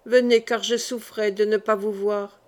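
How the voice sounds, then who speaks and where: Woman reading dying king, weary, remorseful, soft low confiding voice, audiobook. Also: level tone, measured pace, natural voice.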